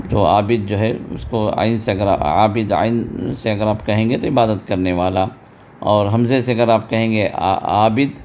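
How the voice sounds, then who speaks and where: A man teaching a tajweed lesson, patiently explaining step by step and chanting verses slowly and drawn out. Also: lowish voice, a little mellow, slight background noise. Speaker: Quran recitation teacher. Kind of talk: tajweed lesson with recited examples.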